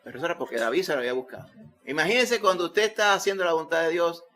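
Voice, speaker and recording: Emphatic Puerto Rican pastor preaching. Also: male voice, fairly high pitch, lively intonation, rapid-fire. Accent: Puerto Rican Spanish. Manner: emphatic preaching, rising loud when quoting scripture. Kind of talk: sermon.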